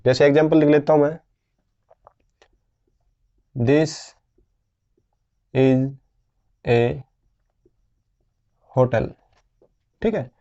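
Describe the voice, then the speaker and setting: A man teaching a grammar lesson at an unhurried, patient pace. He asks his class questions and answers them himself. His voice is mellow and comes through a somewhat dull, lo-fi recording. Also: a little high, fairly even intonation. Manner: slow, patient explaining with frequent questions to students.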